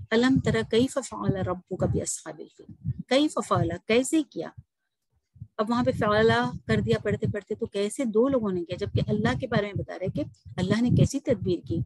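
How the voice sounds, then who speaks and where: A woman teaching an online recitation class over a video call, explaining patiently and slowing down to recite examples. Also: medium pitch, darkish tone, breathy edge, dry recording, low-quality recording.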